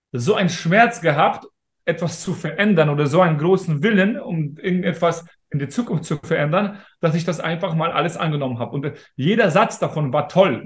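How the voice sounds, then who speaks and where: Emphatic man in a roomy interview. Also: fairly high pitch. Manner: emphatic, motivational, talks straight to listeners. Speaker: interview guest. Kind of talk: casual interview talk. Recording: roomy echo.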